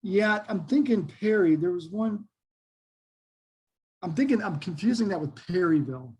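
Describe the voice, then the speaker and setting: Middle-aged male, high voice with a husky edge; folksy, keen interview guest. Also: lively intonation, normal speed, a little mellow. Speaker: interview guest, Bigfoot researcher. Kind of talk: casual interview talk.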